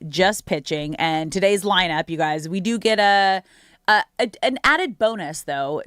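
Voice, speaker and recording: An American woman hosts a casual sports talk show. She speaks in a conversational, emphatic way with a slightly low voice, captured dry and close. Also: dry recording. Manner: conversational, emphatic, addresses listeners as you guys. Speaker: sports radio host.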